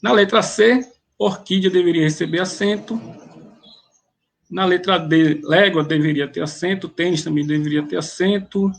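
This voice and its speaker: A man, explaining grammar exam questions step by step and often pausing to restart a phrase. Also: high-pitched, gravelly. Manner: methodical, pauses and restarts mid-phrase. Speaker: grammar teacher.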